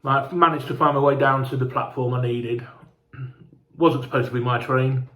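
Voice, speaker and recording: A man's voice: medium pitch, steady tone, moderate pace, pushed and bright, reverberant. A man telling a casual, rambling travel story, sweary and chatty, sounding hungover and unwell. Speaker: fan vlogger.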